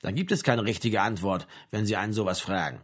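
A man's voice: lowish voice, fairly quick, slightly rough, voice pushed down. A man reading an audiobook, voicing a cocky, provocative young man who needles and argues. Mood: sullen. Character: brash, provocative young man, stubborn and mouthy.

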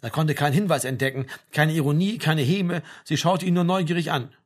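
A man reading a novel aloud as an audiobook narrator, in a calm, measured way. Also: fairly high pitch.

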